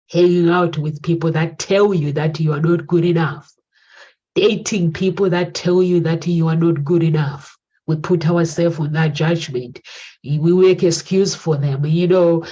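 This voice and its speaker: With a low, warm, husky voice, a woman in her 40s hosts a talk show and gives a sincere, thoughtful motivational speech that keeps returning to the same key phrases. The recording is dull and lo-fi.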